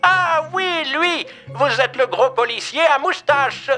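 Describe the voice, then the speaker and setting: An old woman mage, bossy and blunt, in an audio story, voiced by a man. Her voice is very high, bright and shrill, and her manner is brusque. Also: animated, takes it slowly, soft background music, heavily acted.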